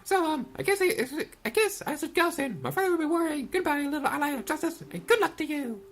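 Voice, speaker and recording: A woman's voice: high voice, lively intonation, soft background music, pitched above the performer's own voice. A woman voicing a young girl, a rich debutante fallen into poverty, in a theatrical, pleading and self-pitying way as she reads game dialogue. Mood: grateful. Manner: theatrical, pleading, rapid gushing delivery. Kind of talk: reading game dialogue aloud in a put-on voice.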